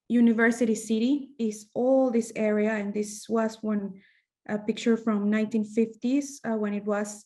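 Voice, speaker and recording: A young woman from Venezuela with a Venezuelan Spanish accent, a medical fellow presenting at a webinar, speaking haltingly with many fillers and restarts. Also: mid-range voice, a little mellow. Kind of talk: conference presentation.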